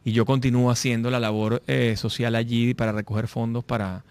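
A middle-aged man with a Venezuelan accent, a guest speaking in a casual interview, animated, repeating and restarting his words. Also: medium pitch, fairly quick, clear, resonant tone. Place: lives in Madrid.

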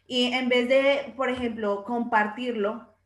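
A woman's voice: a little high, steady tone, takes it slowly. A woman, co-hosting a casual podcast and reflecting on ideas by working through her own examples. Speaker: podcast co-host. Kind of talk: casual conversation. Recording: roomy echo.

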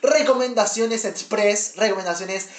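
A woman's voice: mid-range voice, measured pace, a little hiss or hum. Young argentine-sounding woman cohosting a jokey chat, casual swearing, echoey room. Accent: Rioplatense Spanish. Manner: joking, playful, swears casually. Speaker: podcast co-host.

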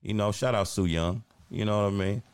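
Man, very low voice, laid-back, slangy, casual podcast chat. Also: brisk, smooth. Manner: laid-back, slangy, heavy use of "you know what I mean". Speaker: podcast co-host.

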